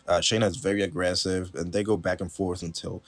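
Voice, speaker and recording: Husky low-voiced man recapping wrestling. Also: little pitch movement, brisk, no echo. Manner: chatty, laughing, lots of fillers. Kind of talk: casual recap commentary.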